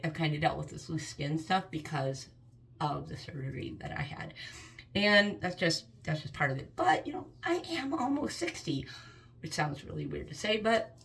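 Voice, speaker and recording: A woman in her fifties vlogs to camera, speaking candidly and earnestly about personal matters. Her low voice carries vocal fry and a slightly bright quality, and the recording is low quality.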